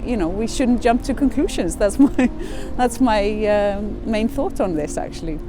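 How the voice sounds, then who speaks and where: A woman's voice: mid-range voice, animated, moderate pace, over music. A woman, an arts festival director answering thoughtfully with hesitant starts. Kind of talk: street interview.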